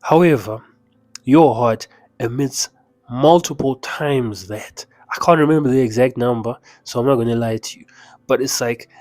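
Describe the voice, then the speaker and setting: Faint music plays behind a medium-pitched, slightly mellow male voice at normal speed, recorded without echo. A young mindset coach with a Zimbabwean accent talks to camera in an emphatic, conversational motivational style, drifting into chatty asides.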